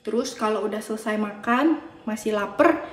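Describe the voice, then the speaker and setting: A woman preacher giving a children's sermon, gentle and coaxing as she talks to the kids. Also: medium pitch, normal speed. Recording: roomy echo.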